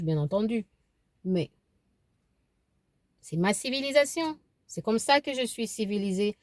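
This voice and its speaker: Sitting in her car, a vlogger in her thirties from eastern Congo (DRC), whose first language is Kibembe, shares opinions casually to camera, repeating herself and restarting with many fillers. Her voice is medium-pitched and a little mellow, with no room sound.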